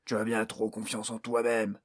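A towering, bad-tempered orc boss barks and snarls his threats in a husky, raised voice, put on by a male audiobook reader. He sounds domineering and sure of his own power. The voice keeps a menacing, storybook-villain tone. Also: fairly low pitch, completely flat delivery, normal speed. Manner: snarling, menacing, bellowing orders.

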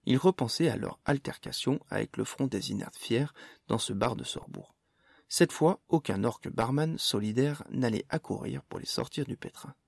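A man narrating a fantasy audiobook with a steady, expressive reading. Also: mid-range voice, normal speed, vocal fry, breathy edge, no echo, clean studio sound.

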